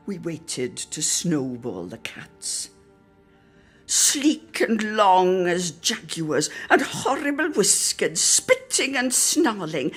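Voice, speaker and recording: A woman with a lowish, fairly bright voice and a breathy edge gives a theatrical, lyrical reading of a literary story. Her scripted narration savours each phrase.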